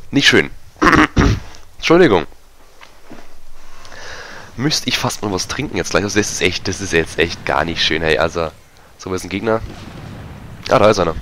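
A man giving casual, self-mocking commentary over a multiplayer match, his voice going hoarse. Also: low voice, lively intonation, moderate pace, pauses often, a bit bright, a little hiss or hum. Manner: chatty, self-mocking, many fillers. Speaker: gaming YouTuber. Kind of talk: casual let's-play commentary.

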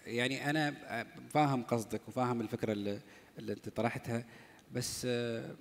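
A man's voice: medium pitch, quick pace. A man with a Gulf Arabic accent, a panel guest telling a personal story with frequent restarts. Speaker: panel guest, religious singer. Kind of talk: personal anecdote in panel talk. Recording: long hall reverb.

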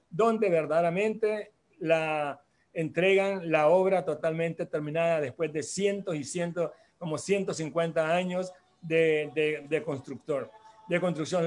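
High-voiced man hosting a church program. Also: darkish tone. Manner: rambling, hesitant, with many restarts and tag questions. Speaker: religious program host. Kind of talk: announcements and church talk.

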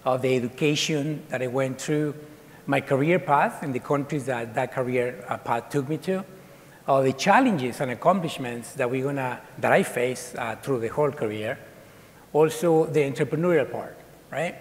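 A man in his forties from Colombia, raised in Ecuador, giving a lively, chatty talk to students, with many fillers and restarts. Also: mid-range voice, normal speed. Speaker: guest speaker. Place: large dark auditorium. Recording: long hall reverb.

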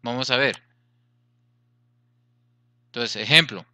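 A man's voice: medium pitch, slow pace, sharp tone, dry recording, studio quality. A man teaching a grammar lesson, explaining patiently, repeating points and checking that students follow.

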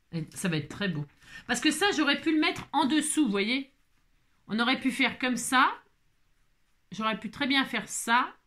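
A woman hosting a casual card-making tutorial, chatty and animated, thinking aloud as she works and dotting her talk with little interjections. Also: fairly high pitch. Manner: chatty and animated, peppered with "hein" and exclamations; talks to herself while working, improvising aloud. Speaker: craft tutorial host.

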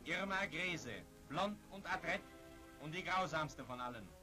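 A man delivers old newsreel narration in a high-pitched voice, formal and declamatory. The soundtrack is vintage 1940s film audio, with loud music running behind him. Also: animated, unhurried.

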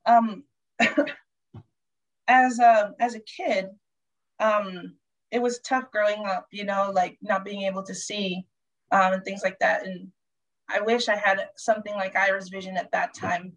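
A woman's voice: medium pitch, level tone, measured pace, long pauses, low-quality recording. A woman hosting a casual family chat as a coach. She is upbeat, laughs often and uses many fillers. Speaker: host and coach.

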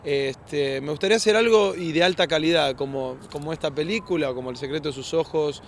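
A man's voice: on the high side, fairly quick. Argentine-accented male actor, thoughtful interview answers, light city noise outdoors. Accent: Argentine Spanish. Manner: earnest, reflective, many restarts and tag questions.

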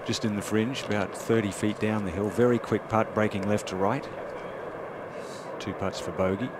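A man's voice: lowish voice, steady tone, normal speed. A man working as a golf commentator, calling play live on a television broadcast. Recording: loud outdoor background noise.

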